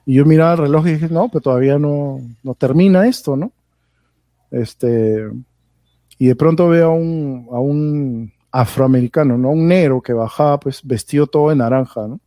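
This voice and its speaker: A man's voice: a little high, moderate pace, warm tone, no echo. A man from Peru with a Peruvian Spanish accent, a podcast guest telling anecdotes casually and tagging his phrases with a questioning aside. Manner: rambling storyteller, tags phrases with "¿no?".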